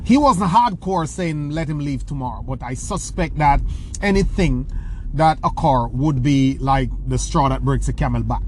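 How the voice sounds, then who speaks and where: With lively intonation and a moderate pace, a medium-pitched man with a rural Jamaican accent delivers a motivational talk answering a question, weaving in stories. He restarts often and repeats words, and the poor recording carries a little hiss or hum.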